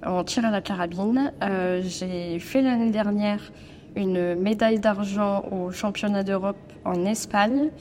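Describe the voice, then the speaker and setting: A woman's voice: mid-range voice, fairly even intonation, measured pace, darkish tone, a little hiss or hum. Composed woman in her twenties. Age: 20s. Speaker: elite athlete.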